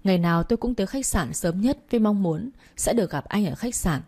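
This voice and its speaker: A woman, reading a first-person story in a soft, emotional way. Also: medium pitch, expressive, fast. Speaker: audiobook narrator.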